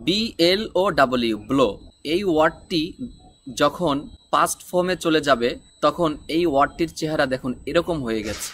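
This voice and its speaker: Patient man teaching a lesson, slightly high voice. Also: fairly bright tone, no echo, clean studio sound. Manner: slow, patient explaining, spelling words letter by letter. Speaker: English teacher. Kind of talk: spoken English lesson.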